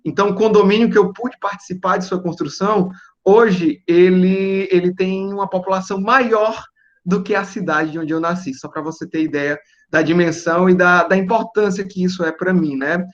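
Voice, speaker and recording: A young man, giving a relaxed, explanatory talk to students and checking in with "né?" and "certo?". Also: high-pitched, normal speed, muffled recording. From Northeast Brazil. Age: young adult. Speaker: guest engineer speaking to students. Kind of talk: relaxed presentation over video call.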